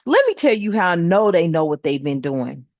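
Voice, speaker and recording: A woman's voice: lowish voice, very animated, normal speed, a little mellow, no room sound. A woman giving a casual spiritual tarot reading, talking bluntly and emphatically and swearing often. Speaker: tarot reader. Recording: dull lo-fi dry sound.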